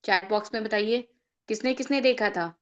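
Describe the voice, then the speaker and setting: A woman's voice: mid-range voice, moderate pace. A woman teacher addressing an online class in an upbeat way. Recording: muffled video call audio.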